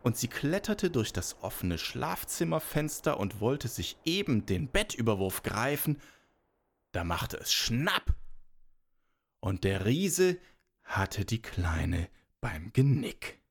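Expressive male fairy tale storyteller. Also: mid-range voice, slow, creaky. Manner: lively, expressive telling.

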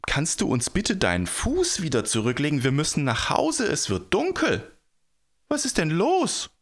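A man voicing a group of impatient villagers coaxing a giant in a storybook tale, talking brisk and persuasive. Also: on the low side, very animated, fairly bright tone, husky, exaggerated voice.

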